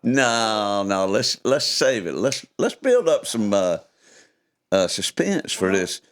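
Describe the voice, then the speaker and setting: A man's voice: lowish voice, big pitch swings, slow. Folksy older man telling stories. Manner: folksy, chuckling, playful delivery. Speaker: podcast host reading his own stories. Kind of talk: casual chat and storytelling read-aloud.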